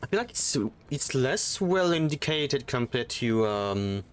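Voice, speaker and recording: A man's voice: mid-range voice, very animated, a little slow, clean tone. Rambling man chatting on a stream. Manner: rambling, self-deprecating, many fillers. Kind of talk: casual livestream chat. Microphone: desktop USB mic.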